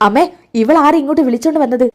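A woman voicing a sharp-tongued young woman who coldly rejects her own child, snapping scornful retorts. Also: high voice, very fast, close to an everyday voice. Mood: angry.

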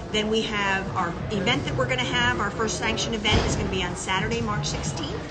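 A woman's voice: mid-range voice, heavy background noise. A woman in her sixties, co-owner of a boxing gym, speaking in a casual interview, chatty and sprinkled with "um"s. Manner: warm, chatty, many "um"s. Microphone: phone camera at close range. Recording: phone video with loud music behind.

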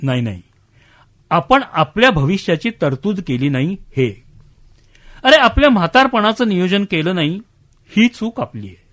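A man's voice: normal speed, long pauses. A man playing a proud old man who defends his son. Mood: reflective. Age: older. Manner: defensive, lively voice that drops low and soft when hedging. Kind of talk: radio drama acting.

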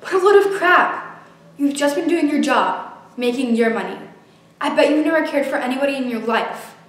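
A woman's voice: high voice, steady tone, drawn-out words. A teenage girl acting a grieving, angry daughter in a dramatic monologue, with tragic, sorrowful, emotionally wrought delivery. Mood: bitter, accusing. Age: young teenager. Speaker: actor performing a monologue. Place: small bare indoor room. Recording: echoey room, distant mic, noisy.

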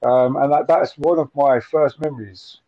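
Speaking by video call from a room at home with window blinds, a forties man from Nottingham tells stories as a guest in a casual interview. His mid-range voice comes with no echo, and he is halting, repeating words and often using fillers. The call audio is muffled and dry.

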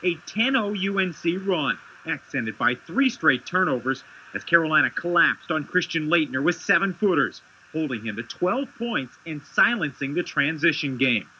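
A man narrating a scripted sports highlight voice-over as a TV reporter, with punchy dramatic phrasing. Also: expressive, normal speed, few pauses, sharp tone, a little hiss or hum. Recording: dull lo-fi 1990s TV broadcast.

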